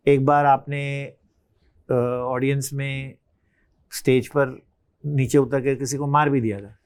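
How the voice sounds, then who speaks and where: A man's voice: mid-range voice, level tone, takes it slowly. A man with an Indian accent, interviewing a guest with probing, direct questions in mixed English and Hindi.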